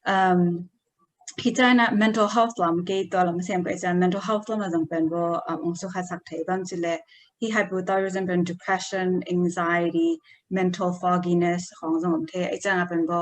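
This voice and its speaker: Woman, lower pitch, hesitant health presenter, slow informal explainer. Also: level tone. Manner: hesitant, slow explaining with English medical terms.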